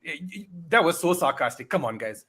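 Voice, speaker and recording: A man's voice: a little high, expressive, a little fast, sharp tone, breathy edge. Guy co-hosting a footy podcast, casual chat, lots of uh and what do you call. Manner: hesitant, searches for words with fillers. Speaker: podcast co-host.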